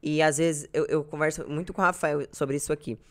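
As a guest on a podcast, a young woman from Brazil chats easily and pokes fun at herself in her stories. She speaks briskly, low-pitched, with fairly even intonation.

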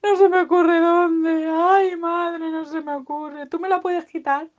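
A woman's voice: sits high, fairly even intonation, fairly quick, pitched above the performer's own voice, natural voice. A woman voicing a whiny, easily upset little male pig-dinosaur in a bedtime story, wailing her complaints. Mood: whining. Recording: dull lo-fi recording.

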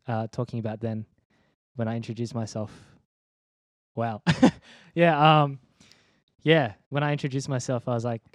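A man's voice: medium pitch, no room sound, clean studio sound. A young man giving a personal faith testimony in an interview, laid-back and slangy, with many ums and restarts. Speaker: interview guest, church leader.

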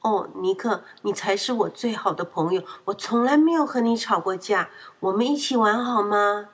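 A woman's voice: medium pitch, normal speed, slightly rough, lightly acted. A woman voicing a proud, quarrelsome young boy in a children's story, raising her voice when he gets upset. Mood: childlike. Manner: excitable, shouts when upset.

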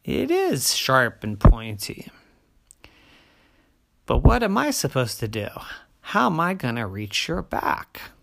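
A storyteller voicing a small, slow, kind female tortoise who answers in a matter-of-fact, helpful way in a children's bedtime story. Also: mid-range voice, huge pitch swings, vocal fry, full character voice. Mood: earnest.

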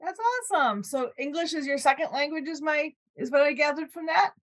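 A woman's voice: high-pitched, fairly quick, fairly bright tone. A woman hosting a casual, chatty interview show in an effusive, enthusiastic way. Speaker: podcast host interviewer.

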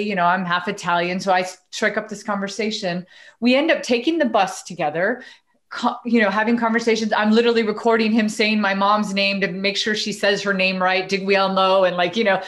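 A woman hosting a casual chat, telling a personal story with lively acted-out dialogue. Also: medium pitch. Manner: animated, acts out quoted dialogue. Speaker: podcast host.

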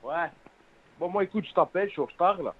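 A man in his twenties speaks with a French suburban accent, heavy on street slang. His voice sits a little high and comes through a narrow, tinny phone line. He is earnest and halting, often doubling back on oaths and words. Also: animated. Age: 20s. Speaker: phone-in caller.

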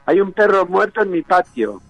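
A man's voice: sits high, sing-song, normal speed, a bit bright, muffled recording, faint music behind. Rioplatense man telling jokes on radio. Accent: Rioplatense Spanish. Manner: laughs at his own jokes. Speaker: joke teller on radio. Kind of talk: rapid-fire joke telling.

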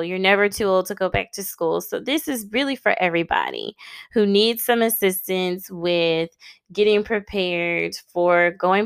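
Podcast host: American woman, thirties, crisp clean voice at medium pitch, encouraging and emphatic conversational advice. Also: fairly bright tone, no echo. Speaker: podcast host and licensed counselor.

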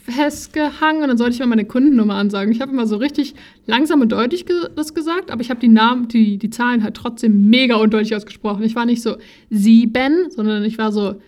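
A woman co-hosting a casual podcast at home, chatting lively about books, laughing often and thinking aloud. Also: on the high side, quick pace. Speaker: podcast co-host.

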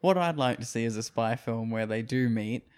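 A man's voice: mid-range voice, moderate pace, a little mellow, clean tone. A man co-hosting a film review podcast in casual chat, riffing on jokes and laughing easily. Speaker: podcast co-host.

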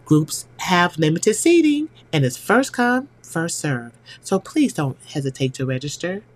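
A woman's voice: fairly low pitch, sing-song, unhurried. A woman hosting a podcast, delivering a scripted inspirational monologue in an earnest, emphatic way, speaking directly to the listener. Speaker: podcast host and counselor.

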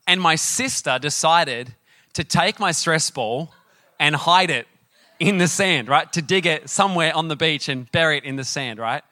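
Chatty male preacher, bright voice. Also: fairly high pitch, normal speed, dry recording. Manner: chatty, animated, often asks the audience questions. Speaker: pastor. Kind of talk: sermon with personal storytelling.

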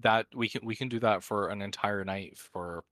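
A man who is high, hosting a casual, unscripted podcast chat in a laid-back stoner manner. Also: normal speed, a bit bright, no echo. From Canada. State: high on cannabis. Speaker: podcast host.

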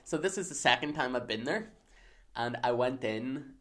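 A man's voice: mid-range voice, expressive, moderate pace, a bit bright. A young Northern Irish man co-hosting a podcast, chatting casually, rambling with lots of fillers and laughs. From Northern Ireland. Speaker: podcast co-host. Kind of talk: casual chat.

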